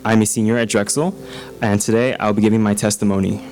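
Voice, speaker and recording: A man's voice: on the low side, little pitch movement, fast, darkish tone. A young man in his twenties from Singapore giving his baptism testimony at a church service, earnest and peppered with ums and uhs. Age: 20s. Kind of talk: prepared personal testimony.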